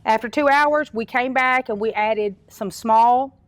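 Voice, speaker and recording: A woman's voice: on the high side, measured pace, no room sound. A middle-aged woman with a Southern American accent hosts a cooking show, talking in a homey, chatty way with frequent fillers and restarts. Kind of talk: casual cooking demonstration. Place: home-style kitchen studio.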